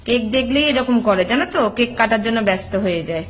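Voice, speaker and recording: A middle-aged woman talks to her viewers from her own home in a homely, chatty way, as if to friends. Her voice sits a little high. She holds a phone in one hand to record herself. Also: expressive, quick pace. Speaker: home vlogger. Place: home, indoors. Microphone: phone held in one hand.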